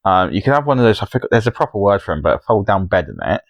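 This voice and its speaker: A man's voice: fairly low pitch, big pitch swings, very fast, no room sound. A man co-hosting a podcast in casual chat, reading quiz questions and joking teasingly. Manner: teasing, jokey. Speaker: podcast co-host.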